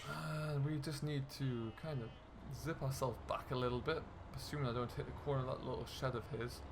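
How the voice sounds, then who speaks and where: A man hosts a laid-back let's-play of a farming game, talking to viewers in a friendly running commentary. He speaks briskly in a mid-range, steady-toned voice, with noise in the background.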